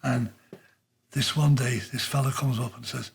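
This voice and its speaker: A man's voice: mid-range voice, fairly even intonation, measured pace, vocal fry, slightly rough. An older man with a Liverpool Scouse accent, telling stories in a chatty interview, full of fillers and restarts. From Liverpool, England. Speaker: interviewee, pub owner. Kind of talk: casual storytelling interview.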